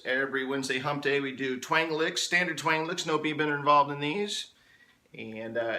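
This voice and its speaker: A man's voice: medium pitch, sharp tone. A man teaching a country guitar lesson in an easygoing, folksy way from a home studio room with a ceiling fan. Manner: folksy, easygoing drawl of phrases like howdy. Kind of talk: casual spoken lesson intro.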